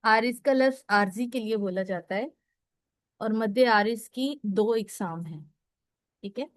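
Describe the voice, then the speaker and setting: A woman's voice: a little high, a little slow, no echo, clean studio sound. A woman teaching a recorded lesson on Quran recitation. She explains step by step, asks questions and answers them herself, and often checks in with listeners. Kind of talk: recorded lecture.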